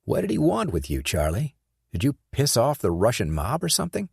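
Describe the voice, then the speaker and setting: A man's voice: mid-range voice, huge pitch swings, brisk, creaky, slightly rough, dry recording, studio quality, pitched above the performer's own voice, heavily acted. A man doing a hard-edged ex-soldier hero. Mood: forceful. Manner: clipped, forceful commands. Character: tough former soldier hero, commanding man.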